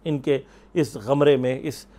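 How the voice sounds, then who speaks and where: A man's voice: mid-range voice, fairly even intonation, dark tone. A man teaching Quran commentary, explaining verses with rhetorical questions and quoted Arabic. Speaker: religious scholar.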